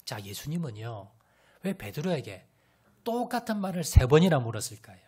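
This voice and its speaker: A man preaching a sermon with animated storytelling. His medium-pitched voice rises and falls widely as he asks the congregation questions. He often drops to a hush for emphasis. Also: moderate pace, husky. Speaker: pastor.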